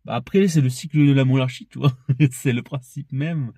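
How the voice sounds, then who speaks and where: A man's voice: medium pitch, steady tone, moderate pace, mellow, husky, no room sound. Rambling, profane young man with a dry sound. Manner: rambling, profane, laughs often, shifts into heated ranting. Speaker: vlogger. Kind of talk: casual rambling monologue.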